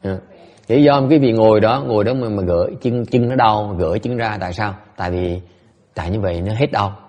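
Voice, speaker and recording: A middle-aged man giving a relaxed bilingual Buddhist dharma talk to his students, often repeating words and laughing. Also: lowish voice, fairly quick, lo-fi sound. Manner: repeats his words, laughs, switches between two languages. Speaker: Buddhist teacher.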